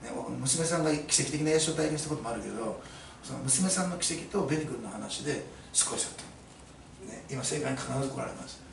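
A male pastor preaches to his congregation in a mid-range, expressive voice with vocal fry, speaking fairly quickly. Recorded from a distance in an echoey church hall with slight background noise, he is emphatic and fond of rhetorical questions.

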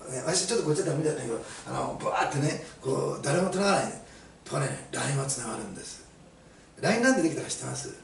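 A man's voice: medium pitch, expressive, very fast, gravelly. A middle-aged man preaching a sermon as a pastor, telling stories chattily with many fillers. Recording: roomy, mic at a distance, faint hiss.

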